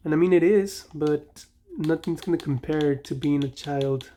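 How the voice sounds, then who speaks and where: This gaming channel host is a young Mexican-accented man with a fairly high, dark-toned voice and a moderate pace. Chatting casually as he plays, he drifts into nostalgic rambling and keeps stopping to fix what he just said.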